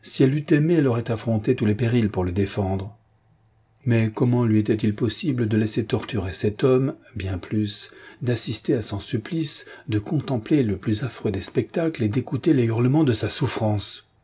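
A man narrating a classic novel with a measured, dramatic reading. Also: mid-range voice, dark tone, slightly rough. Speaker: audiobook narrator. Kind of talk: scripted narration.

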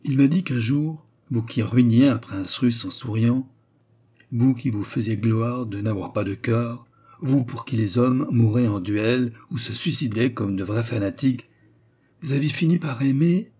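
A man's voice: medium pitch, unhurried, mellow, husky. A man voicing a scheming young courtesan. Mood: pleading. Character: scheming young woman, a courtesan, feigning devotion. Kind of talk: audiobook character reading.

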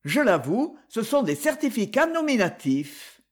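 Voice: medium pitch, very animated, measured pace, voice pushed up. A reader voicing a resolute aristocratic lady in an audiobook, tense and firm in her refusals. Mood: pleading. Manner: tense, pleading then firm. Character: resolute aristocratic lady, shaken but defiant. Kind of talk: audiobook character voice.

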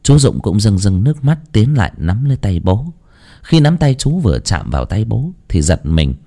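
A man tells a horror story. His pitch swoops and rises with lively drama, and his pace shifts for effect. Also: normal speed.

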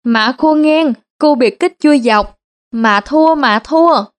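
A woman voicing a loudly wailing old village mother with a Central Vietnamese accent. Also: high-pitched, slow pace.

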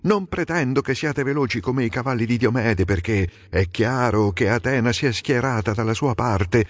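A man's voice: medium pitch, no echo, studio quality, pitched above the performer's own voice. A man voicing a bold young charioteer urging on his horses, urgent and commanding, in a dramatic audiobook reading.

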